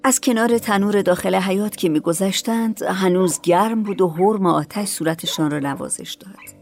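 A woman narrating a storybook in a calm, measured reading voice. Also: mid-range voice, soft background music.

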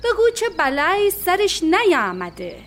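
Woman doing an old village granny, slow and teary, kind to guests, pitch jumps all over, storybook reading. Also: animated, slight background noise, close to an everyday voice. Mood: sad, tender. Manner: slow, tearful, tender.

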